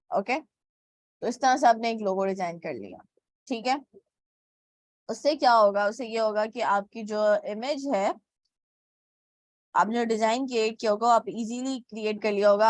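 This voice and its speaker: A woman talks through a graphic design tutorial at a middle pitch. She goes step by step and drops a quick "okay" between steps. The sound is dry and close, with no room in it. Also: no room sound. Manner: mixes English words into Hindi. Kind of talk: screen-recorded software tutorial.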